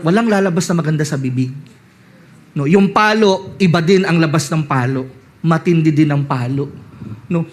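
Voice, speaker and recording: Filipino male lay preacher, very high voice, animated sermon delivery with slow scripture readings. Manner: animated, swings from high reading voice to low asides; reads scripture slowly and loudly.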